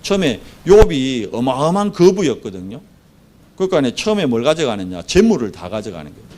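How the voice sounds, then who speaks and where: A man's voice: mid-range voice, big pitch swings, fairly quick, dark tone. A male pastor from the southeast of Korea, preaching a sermon and telling the story vividly, acting out the dialogue.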